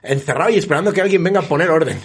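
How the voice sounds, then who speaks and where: Self-mocking male co-host with a breathy voice, rambling in casual talk. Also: a little high, rapid-fire. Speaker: podcast co-host. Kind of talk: casual chat.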